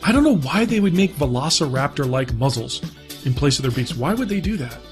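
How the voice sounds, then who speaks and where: A man's voice: mid-range voice, sing-song, a little fast, soft background music. A man co-hosting a podcast in casual, profane banter, joking and laughing often. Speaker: podcast co-host.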